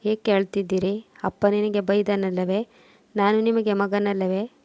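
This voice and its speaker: A woman reading the lines of an innocent little boy who gently comforts his mother. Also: mid-range voice, flat delivery, a little slow, dry recording, natural voice. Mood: tender. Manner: gentle, soothing.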